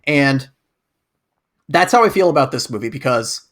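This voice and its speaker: A man's voice: medium pitch, lively intonation, moderate pace, a bit bright. A man co-hosting a podcast, chatting casually and thoughtfully over a remote call, often repeating words as he hesitates. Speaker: podcast co-host.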